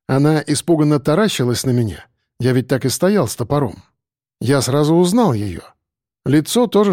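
A man reading a first-person audiobook narration, steady and matter-of-fact. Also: a little high, dry recording, studio quality.

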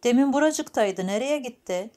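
A woman's voice: a little high, lively intonation, normal speed, mellow, voice pushed up, lightly acted. A woman voicing a friendly, easygoing young man in an audiobook, who speaks in a coaxing way.

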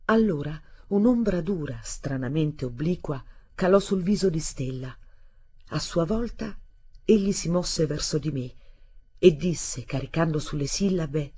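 A woman reading a literary novel aloud in a measured, expressive way. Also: low voice, slightly rough. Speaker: audiobook reader. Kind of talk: literary audiobook narration.

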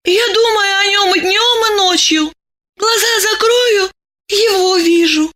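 A woman's voice: very high-pitched, slow, bright, forceful tone, voice pushed up, exaggerated voice. A woman voicing a lovestruck, emotional young woman who talks fervently and pleadingly in an audiobook. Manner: fervent, pleading, tearful at times. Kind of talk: audiobook character voice.

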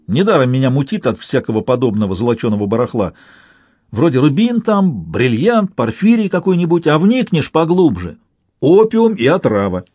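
A man voicing a blunt, gruff male Red commissar who barks brusque, crude remarks. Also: medium pitch, very animated, moderate pace, darkish tone, no room sound. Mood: scornful.

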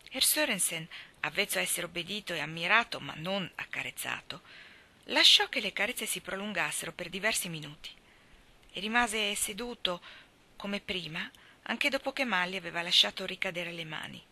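A woman reading literary fiction aloud, her narration soft and hushed, often sinking into near-whispers. Her voice is very bright and crisp. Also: fairly low pitch, expressive, normal speed. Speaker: reader.

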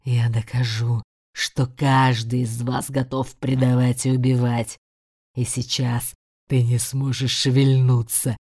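A huge ancient demon of greed, put on by a woman reading a storybook, gloating and mocking. He speaks in a very deep, slow growl that slips into hissed whispers. The voice is loud and heavy. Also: flat delivery, slightly rough, full character voice. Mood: contemptuous. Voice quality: low menacing growl, sometimes hissed whispers.

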